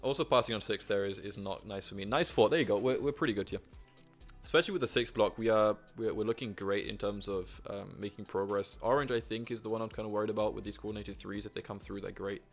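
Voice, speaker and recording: Young guy gravelly low voice, muttering and cursing over his game, bit of music behind. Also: fast. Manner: excitable, swearing, talks to himself. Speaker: streamer. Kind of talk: live gameplay commentary.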